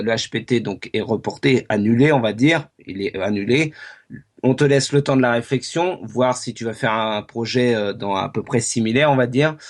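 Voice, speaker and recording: A man hosting a casual web radio chat, talking in halting phrases with many fillers and restarts. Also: medium pitch. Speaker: radio show host.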